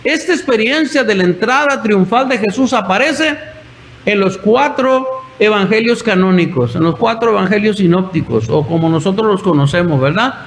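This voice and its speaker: A man's voice: high voice, lively intonation, moderate pace, poor audio. A male pastor preaching a sermon, telling the story and acting out the voices in his quotes.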